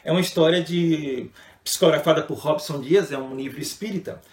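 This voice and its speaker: Brazilian male instructor, somewhat high voice, casual teaching talk full of "né?", roomy echo. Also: a little fast, a little hiss or hum. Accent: Brazilian Portuguese. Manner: frequent tag "né?" and restarts. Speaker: storytelling instructor. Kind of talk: instructional talk on reading aloud to children.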